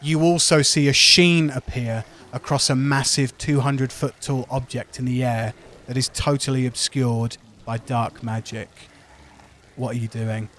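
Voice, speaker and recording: A man running a tabletop game, narrating dramatically and descriptively with deliberate pauses. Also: medium pitch, steady tone, a bit bright, slight background noise. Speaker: game master.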